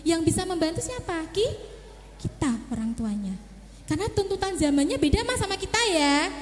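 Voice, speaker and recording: High lively woman in echoey hall. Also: moderate pace. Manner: coaching parents, acting out child and mother. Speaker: child psychologist speaker. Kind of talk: parenting seminar talk.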